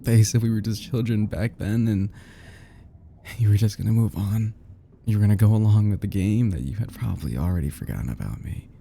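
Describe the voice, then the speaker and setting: This low-leaning, dark-toned male voice plays a lovesick, obsessive young yandere kidnapper for an ASMR drama, faltering through stammers, sighs and breathy half-whispers with fragile tenderness. There's a little background noise, and he sounds bitter and wounded.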